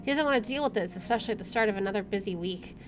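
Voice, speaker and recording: A woman gaming YouTuber talks very fast in a medium-pitched voice, reading a let's play's story text with expression and casual asides. Game music plays in the background, along with a little hiss or hum.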